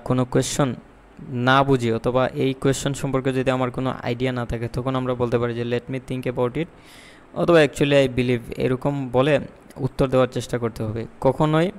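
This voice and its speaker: A man teaching IELTS speaking tips in a lesson. He explains in Bengali, slips in English terms, reads example sentences slowly and repeats key points. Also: medium pitch, smooth, long reverb tail. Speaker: IELTS tutor. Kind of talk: spoken exam-tips lesson.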